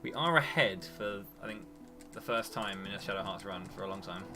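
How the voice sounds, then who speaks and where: A man livestreaming his speedrun, chatting quickly and teasingly over a headset mic while he plays. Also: lowish voice, over music. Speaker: speedrunner streaming his run. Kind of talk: casual chat while playing.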